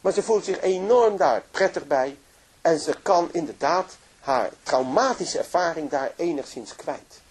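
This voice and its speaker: Husky, animated storytelling speaker. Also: male voice, on the high side, measured pace. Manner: lively, emotive narration with frequent restarts. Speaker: religious speaker. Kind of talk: storytelling lecture.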